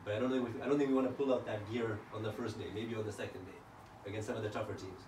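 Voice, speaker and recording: A man's voice: fairly low pitch, fairly even intonation, racing, a little mellow. A man talking informally through game strategy as one of the team's players. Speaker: team player. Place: echoey indoor room, locker room. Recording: echoey, distant mic, faint noise.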